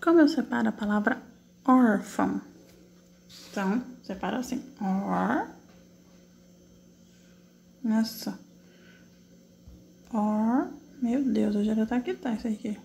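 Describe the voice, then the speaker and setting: This female teacher's voice is slightly high, gravelly and a bit mellow, with a little background hiss or hum. She corrects exercises patiently in an online lesson, asking and then answering her own questions step by step, drawing out each syllable slowly as she types.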